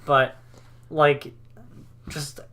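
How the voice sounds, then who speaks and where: A man's voice: fairly high pitch, little pitch movement, extremely slow, fairly bright tone, smooth. A man co-hosting a casual podcast chat, rambling enthusiastically with lots of fillers. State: hiccups. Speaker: podcast co-host.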